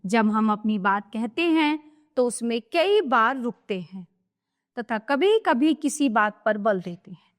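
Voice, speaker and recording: A woman's voice: fairly high pitch, lively intonation, slow pace. A woman teaching a grammar lesson to young children, explaining patiently and checking in with them as she goes. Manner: explains patiently, repeats and checks with "thik hai".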